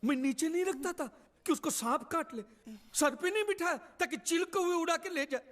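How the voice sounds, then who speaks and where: A sly, melodramatic trickster. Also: male voice, very high voice, a little fast, a bit bright. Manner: melodramatic and pleading. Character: sly, theatrical poor man faking grief. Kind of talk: Hindi film comedy dialogue.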